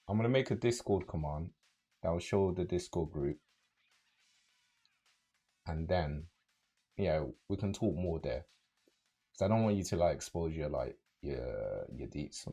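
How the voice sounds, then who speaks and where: Young male streamer, London accent, low husky voice, rambling chat, faint music behind. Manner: relaxed, rambling, many fillers and restarts. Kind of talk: casual livestream chat with viewers.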